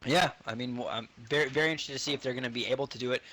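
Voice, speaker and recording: Male color commentator, quick analytical delivery, voice going hoarse. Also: mid-range voice, sharp tone. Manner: explanatory, measured analysis with hesitant fillers. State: losing his voice. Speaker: esports analyst.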